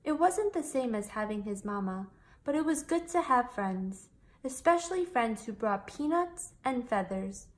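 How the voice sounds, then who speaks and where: A woman performs a children's picture book aloud in an expressive way. Her voice is fairly high, and she goes a little slowly.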